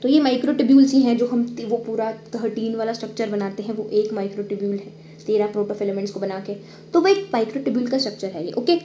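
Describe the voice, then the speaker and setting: High-voiced woman teaching biology. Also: quick pace, dark tone, roomy sound, a little hiss or hum. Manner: explains step by step, checks in with "ठीक है"; drawing on screen while talking. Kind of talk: online exam-prep lecture.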